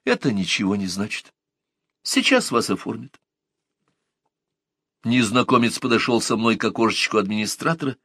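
A man narrating an audiobook story in the first person with an expressive storytelling delivery. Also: medium pitch, no echo, clean studio sound.

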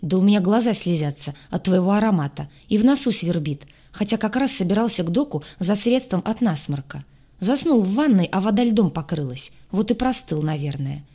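A sarcastic young alien mechanic in a fantasy audiobook, mocking and cheeky, played by a woman narrator. His voice sits somewhat above the reader's own, teasing rather than gruff. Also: mid-range voice, animated, fairly quick, dark tone. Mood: chatty. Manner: mocking, joking.

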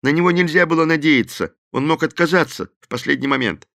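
Frightened little crook, uneasy and higher-pitched, a male narrator doing the voice. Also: fairly quick, gravelly, a bit bright, dry recording, studio quality. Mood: nervous confessing. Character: timid, nervous male henchman.

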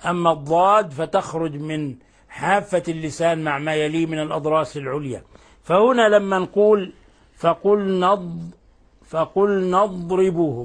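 An older man teaching Quran recitation rules, explaining patiently and reciting verse examples slowly and drawn out. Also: on the high side. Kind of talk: tajweed lesson with recited examples.

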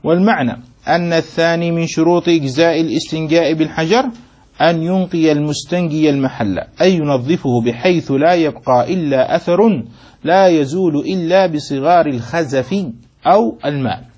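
A man sheikh teaching a classroom commentary on a text, with a husky, slightly breathy voice pitched fairly high. He reads a line, then unpacks it in plain talk. He keeps asking short questions to check that students follow. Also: brisk, a little mellow. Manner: reads a passage, then explains it; mixes formal speech with colloquial asides. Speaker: sheikh teaching Islamic jurisprudence.

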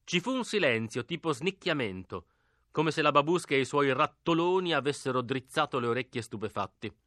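A man reading a novel aloud as an audiobook narrator, expressive, dropping to a hush for whispered lines. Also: medium pitch, brisk, dry recording, clean studio sound. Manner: expressive, hushed in the whispered dialogue.

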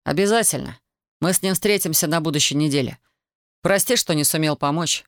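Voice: medium pitch, a little fast, no room sound, close to an everyday voice. A reader voicing a tired, reluctant wounded young soldier, in a dry studio audiobook recording. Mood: weary. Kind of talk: audiobook character voice.

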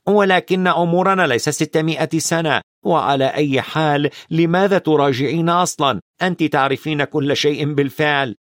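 An eager boy wizard explains things in a quick, lively voice, played by a male reader. The pitch sits raised and moves a lot. The recording is dry and close. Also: dry recording, natural voice.

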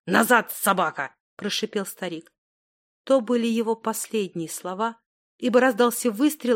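A woman narrating a dramatic detective story aloud in a measured, expressive way. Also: a little high.

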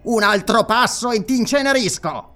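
A man's voice: very high-pitched, expressive, moderate pace, pushed and bright, voice pushed up, exaggerated voice. A man voicing a sly, mocking, treacherous priest in an audiobook, with a sneering, ironic delivery. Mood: gloating.

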